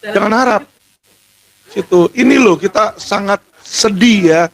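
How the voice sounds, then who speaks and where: A middle-aged man, a lawyer, giving an impassioned, indignant speech that rises at times to shouting. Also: high-pitched, unhurried, low-quality recording.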